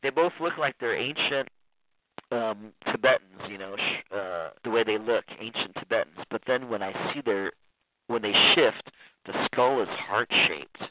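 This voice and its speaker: A man's voice: fairly low pitch, unhurried, slight background noise. Rambling man on a tinny phone line. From Iran. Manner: rambling, laughs often, many restarts. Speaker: guest. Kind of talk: casual interview talk.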